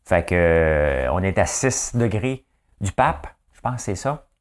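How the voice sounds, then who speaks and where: A man's voice: low voice, very animated, a little slow. A male host with a Quebec French accent, running a chatty trivia monologue that keeps tossing in "hein?" and slipping into English phrases.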